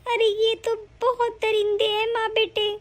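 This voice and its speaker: A woman voicing a mistreated young wife and mother in an animated story, earnest, pleading and tearful. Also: very high voice, a little slow. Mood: grieving.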